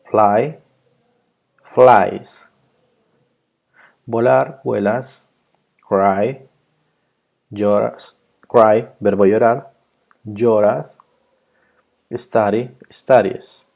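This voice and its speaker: A man teaching an English grammar lesson, explaining rules patiently and repeating each example slowly. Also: fairly low pitch, steady tone, creaky, dull audio.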